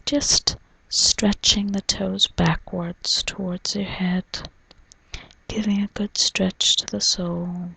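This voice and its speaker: A woman doing a whispered role-play as a spa massage therapist, in a soft, soothing, breathy whisper, narrating gently. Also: medium pitch, little pitch movement, takes it slowly, no room sound, low-quality recording. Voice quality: breathy, mostly unvoiced whisper. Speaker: reflexologist giving a foot massage.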